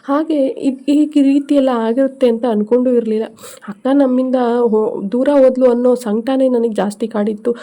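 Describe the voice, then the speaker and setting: A woman's voice: a little high, fairly even intonation, normal speed, dark tone, close to an everyday voice. A woman voicing a young daughter who comforts her mother in a soothing, pleading way.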